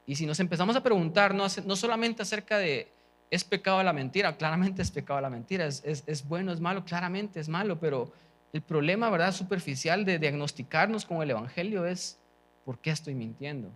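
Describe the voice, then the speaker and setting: A man's voice: on the high side, fairly quick, fairly bright tone. Man preaching conversationally. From Guatemala. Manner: conversational, frequent "¿verdad?" check-ins, many restarts. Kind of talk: sermon.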